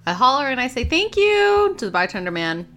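A woman's voice: fairly low pitch, animated, very fast, bright, forceful tone, soft background music. A woman playing a tabletop role-playing game, casual and giggly. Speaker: player.

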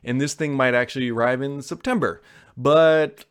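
Male host, medium-pitched, conversational tech commentary and informal advice for viewers. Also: normal speed, clear, resonant tone. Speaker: host answering viewer questions.

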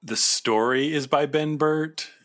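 A man's voice: on the high side, slow, fairly bright tone. A man co-hosting a casual discussion show, chatting in a conversational way. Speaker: podcast host. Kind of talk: casual chat, pop-culture discussion.

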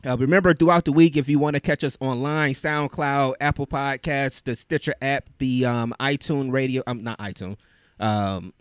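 A man's voice: mid-range voice, normal speed, clean tone, dry recording, clean studio sound. A man hosting a live podcast as a DJ, talking in an informal, slangy, hyped-greeting way. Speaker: podcast host and DJ.

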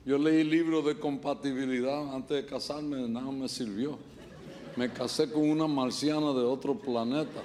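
Joking Puerto Rican pastor preaching. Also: male voice, medium pitch, steady tone, a little mellow, slight background noise. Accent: Puerto Rican Spanish. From Puerto Rico. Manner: joking, storytelling, quick asides. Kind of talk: humorous sermon. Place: church service.

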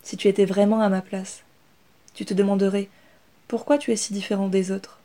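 A woman voicing Inès, a young female rat who speaks calmly and with assurance. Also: mid-range voice, fairly quick, natural voice. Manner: calm, steady.

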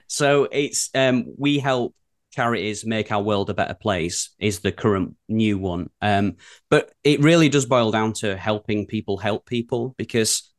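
A man's voice: fairly low pitch, slow. A man with a broad Yorkshire accent from northern England, chatting casually as an interview guest. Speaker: guest, creative director and studio co-founder.

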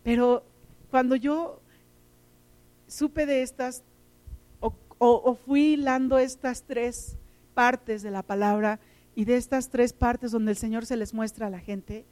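Woman, middle-aged, sermon, emotional storytelling, fairly high voice. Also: steady tone, slow pace, darkish tone. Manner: emotional, storytelling, repeats words. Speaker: teacher and lay preacher. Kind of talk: sermon with personal stories.

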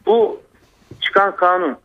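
A man's voice: high voice, slow pace, clean tone. A man calling a radio show over a landline phone, polite and asking short questions. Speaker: radio caller. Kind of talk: call-in chat. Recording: tinny phone line.

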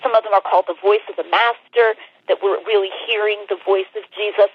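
A woman author speaking over the phone, explaining carefully in a measured way, with frequent hesitations. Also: mid-range voice, fairly even intonation, husky. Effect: heard over the phone. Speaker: author being interviewed. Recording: dull, narrowband phone-line sound.

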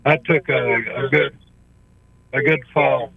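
A man calling in to a radio show over the phone, asking his question in a halting way with many pauses and restarts. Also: mid-range voice, fairly even intonation, gravelly, slightly rough, no room sound. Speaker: caller. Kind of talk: call-in question to a radio doctor. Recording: tinny phone line, dry.

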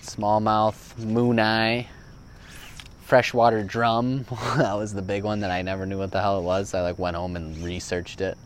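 A man's voice: on the low side, little pitch movement, a little slow, a little hiss or hum. Easygoing man telling a rambling story. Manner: rambling, full of "like" and "you know". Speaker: fishing guest who runs a tree service. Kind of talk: casual storytelling.

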